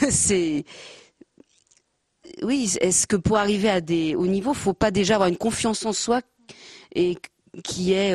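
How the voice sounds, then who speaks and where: A woman on a panel who talks haltingly, hunting for words, then reads a poetic text aloud. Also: on the low side, darkish tone, no room sound, clean studio sound. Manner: hesitant, searching for words, self-deprecating. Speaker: panel guest. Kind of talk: halting casual talk, then a poetry reading. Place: panel event with a handheld mic.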